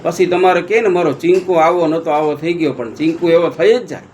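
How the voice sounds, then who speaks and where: Kathiawadi-accented male host, earnest moral storytelling, raised pitch, faint hiss. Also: fairly quick. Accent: Kathiawadi Gujarati. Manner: earnest, addresses listener as friend, swings loud to soft. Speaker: news channel host. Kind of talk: storytelling talk.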